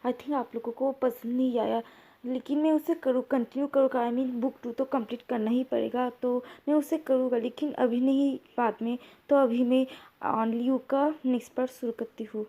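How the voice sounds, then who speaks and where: High-voiced female storyteller with a casual, chatty read, recorded on thin phone-line audio. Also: steady tone, normal speed, warm tone. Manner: casual storytelling mixing Hindi and English, with fillers. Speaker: fanfiction narrator. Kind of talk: storytelling reading of fan fiction.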